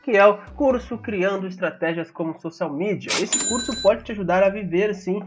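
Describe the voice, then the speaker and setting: Hoarse, high-pitched Brazilian man hosting. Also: moderate pace, over music. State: hoarse, scratchy voice from a sore throat. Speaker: podcast host. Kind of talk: casual solo podcast introduction and sponsor read.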